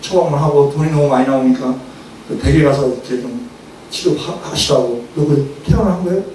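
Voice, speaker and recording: A middle-aged man preaching a sermon as a seminary professor, telling anecdotes and acting out quarrels with sudden shouted lines. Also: mid-range voice, fairly quick. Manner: animated storytelling, acts out quarrels with sudden shouts. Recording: echoey hall, far from the mic, faint noise.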